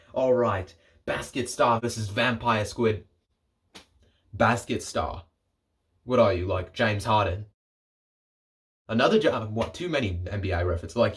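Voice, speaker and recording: Rambling young man with a low voice. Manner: rambling, jokey, self-interrupting. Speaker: vlogger. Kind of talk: casual solo commentary.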